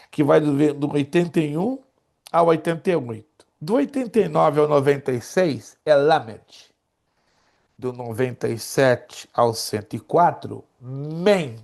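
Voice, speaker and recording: A jovial pastor in his sixties teaches a theology lesson. His voice is gravelly and sits a little high for a man. He likes to tease his students and keeps throwing questions at the class. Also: a little mellow. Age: 60s. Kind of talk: classroom lecture.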